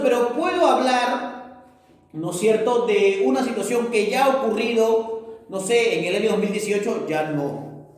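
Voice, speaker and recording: A male teacher giving a grammar lesson, slowly reciting verb forms and checking understanding after almost every phrase. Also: sits high. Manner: tags nearly every phrase with "¿no es cierto?" and "¿correcto?". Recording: echoey hall, mic far off.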